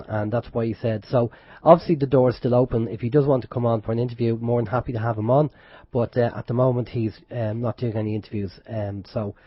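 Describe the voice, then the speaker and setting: Suffering from a head cold and sore throat, a man chats casually while hosting an internet radio show. His voice is medium-pitched, picked up by a close studio mic without echo, and the stream itself is dull and lo-fi.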